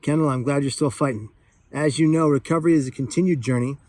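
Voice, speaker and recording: A man vlogs casually while unpacking a parcel, sounding excited, exuberant, playful, and emphatic. He speaks at a quick pace in a medium-pitched, slightly mellow voice.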